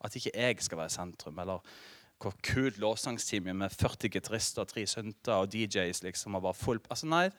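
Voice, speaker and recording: Male pastor, middle-aged, preaching with animated storytelling, dry close sound. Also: lowish voice, no echo. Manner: animated storytelling with laughs and asides to congregation. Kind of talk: sermon.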